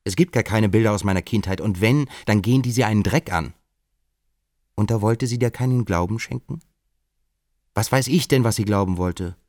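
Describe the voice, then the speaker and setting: A man's voice: on the low side, moderate pace, a little mellow, no echo, clean studio sound, pitched above the performer's own voice, natural voice. A man reading an audiobook, voicing an unsettled, defensive man who talks in an agitated way.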